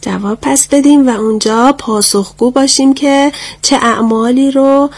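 A woman's voice: high-pitched, fairly even intonation, a little mellow. A woman teacher leading a lesson for young girls, speaking in an encouraging manner. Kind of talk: classroom lesson.

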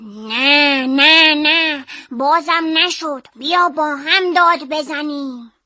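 A woman's voice: high-pitched, pushed and bright, no room sound, clean studio sound, pitched above the performer's own voice. A woman voicing a helpful young boy in a children's story, giving eager advice. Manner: eager, advising.

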